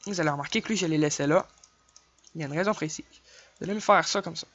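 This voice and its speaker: A young man with a Québécois French accent, chatting casually through a game tutorial, counting his clicks aloud and apologizing quickly for slips. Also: a little high, a bit bright, no room sound. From Quebec. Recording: dull lo-fi dry home mic.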